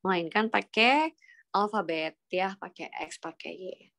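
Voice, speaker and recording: A woman's voice: mid-range voice, a little slow, gravelly, a bit bright. A woman teaching an online calculus class, patiently walking students through each step and prompting them with questions. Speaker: math lecturer.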